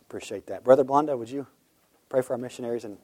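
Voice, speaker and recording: A male pastor makes informal announcements and shares prayer requests in a church sanctuary before the sermon. His voice is medium-pitched, fast and mellow, and he sounds earnest, leaning heavily on "uh" fillers.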